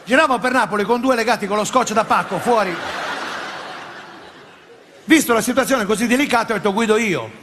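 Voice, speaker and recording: A man performing a stand-up comedy routine in a theatre, animated and breaking into shouted impressions of regional characters. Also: high voice, brisk, long pauses, noisy background. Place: large theatre stage before a laughing audience. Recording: live theatre recording, long hall reverb, audible ambience. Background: audience laughter.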